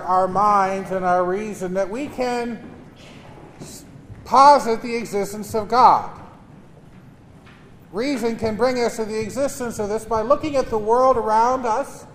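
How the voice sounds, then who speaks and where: A priest proclaiming the gospel and preaching a homily in a large church with a long cathedral-like echo, earnest with homely jokes. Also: male voice, very high voice, slight background noise. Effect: long cathedral-like reverb. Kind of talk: Mass gospel reading and homily. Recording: echoey church hall.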